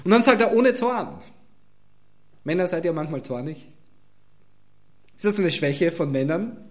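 A pastor delivers a sermon, emphatically expounding a Bible passage and addressing his congregation directly. His voice is fairly high and animated, and he speaks a little slowly.

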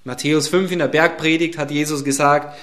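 A German-speaking man preaching a sermon. He repeats phrases for emphasis and swings from loud declarations to hushed near-whispers. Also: fairly high pitch, fairly even intonation, brisk.

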